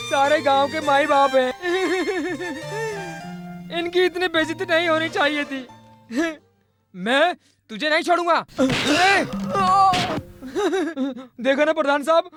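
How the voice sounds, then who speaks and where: A man dubbing a brash, scheming village brother who talks loud, mocks and threatens. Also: very high-pitched, fairly quick, music in the background. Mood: gloating. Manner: loud, mocking, threatening, laughs scornfully. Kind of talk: Hindi film dubbing.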